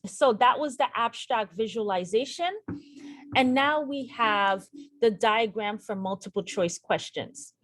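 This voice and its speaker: Over a screen share, a mid-pitched woman runs through a nursing exam lesson, addressing her audience head-on. The recording is dry, and she goes over the important points more than once for emphasis.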